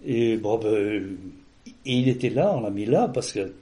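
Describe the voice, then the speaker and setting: A man with a warm, mellow, lowish voice shares memories casually, as though talking to an interviewer. He speaks a little slowly with lively intonation, and his storytelling rambles with fillers and restarts.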